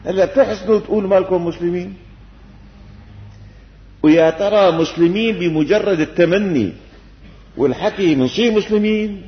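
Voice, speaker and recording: An older sheikh with a Damascene accent gives a homely sermon lesson, peppering it with rhetorical questions and a gentle, teasing humor. His voice sits high for a man. It comes through a long, echoing hall on a dull, lo-fi old tape. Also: normal speed, long pauses. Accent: Syrian Arabic, Damascene. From Syria. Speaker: sheikh giving Quran commentary.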